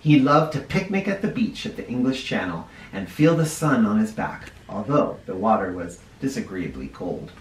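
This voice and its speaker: In this read-aloud, a first grade teacher with a fairly low voice moves at a moderate pace with hardly any pauses, reading a picture book expressively and explaining words to kids. The room echoes, the mic sits at a distance, and there's slight hiss or hum.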